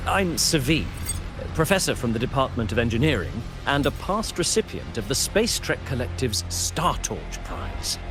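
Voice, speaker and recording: An actor playing an absent-minded, excitable engineering professor in a video game, scatterbrained and eager about his work. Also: mid-range voice, moderate pace, over music, lightly acted. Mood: proud, wistful.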